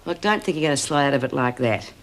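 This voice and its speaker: A woman's voice: rumbling low, lively intonation, quick pace. An actress playing a blunt, combative woman prisoner with an Australian accent in a television prison drama. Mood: defiant. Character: defiant, hard-talking woman prisoner leading a protest.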